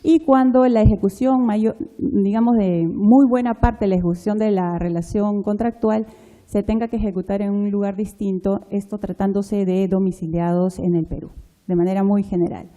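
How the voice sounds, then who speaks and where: Dark, mellow-voiced woman moderating a panel. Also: medium pitch, fairly even intonation, normal speed. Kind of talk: formal conference panel introduction.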